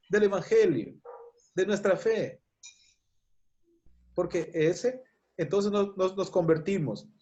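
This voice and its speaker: Fervent Peruvian preacher, lo-fi. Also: male voice, a little high, a little mellow. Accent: Peruvian Spanish. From Peru. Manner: fervent storytelling with frequent restarts. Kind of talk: sermon.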